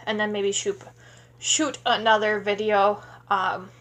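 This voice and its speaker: Talking into a tablet camera up close, a sleepy Wisconsin vlogger in her thirties rambles chattily through a Q&A in a small indoor room at home, with lots of fillers. Her delivery is flat and slow, at a medium pitch and a bit bright.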